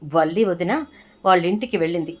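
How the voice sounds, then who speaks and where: A woman's voice: on the low side, brisk, darkish tone, natural voice. A woman voicing an urgent young son calling his father over in a retold serial.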